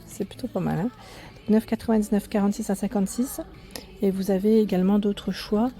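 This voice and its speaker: A woman's voice: medium pitch, fairly even intonation, brisk. A woman vlogger chatting her way through a clothing store, correcting herself often and speaking up over the store's music. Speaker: fashion vlogger. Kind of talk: casual in-store clothing walkthrough. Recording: faint store music behind. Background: loud in-store music.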